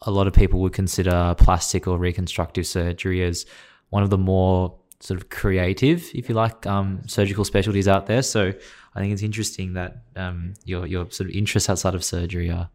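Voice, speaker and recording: A man interviewing a guest, asking questions in a calm and measured way. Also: low-pitched.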